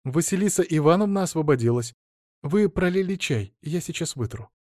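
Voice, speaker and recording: A man's voice: on the high side, animated, moderate pace, darkish tone, no room sound, studio quality, pitched above the performer's own voice, close to an everyday voice. A man reading an audiobook, voicing a young female secretary who speaks in a polite, helpful way.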